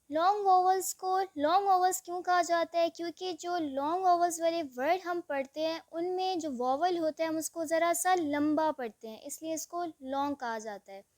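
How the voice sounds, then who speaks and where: Slow, high-voiced woman teaching phonics. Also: dry recording, clean studio sound. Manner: spells out words letter by letter and stretches vowel sounds. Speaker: English teacher. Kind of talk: slow classroom explanation.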